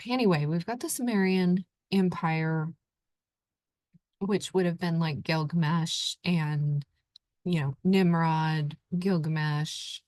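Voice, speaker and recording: A woman's voice: deep voice, no echo. A middle-aged woman from Oklahoma hosting a casual screen-share talk, thinking aloud with lots of fillers. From Oklahoma, USA. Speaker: channel host.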